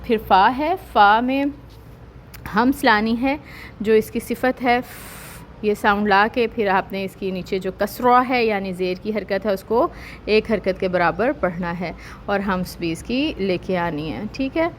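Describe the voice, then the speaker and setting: A woman with a Pakistani Urdu accent, teaching Quran recitation step by step and checking in often with the listener, drawing the verses out slowly when she recites. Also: mid-range voice, slight background noise. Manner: explains step by step, checks with "theek hai"; slow drawn-out recitation of verses.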